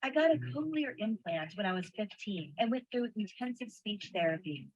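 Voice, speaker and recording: Woman's husky translation voice-over, lo-fi. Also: mid-range voice, expressive, moderate pace, a little mellow. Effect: spoken translation voice-over for a signing person. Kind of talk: voice-over interpreting a first-person account. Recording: dull lo-fi sound from a played video.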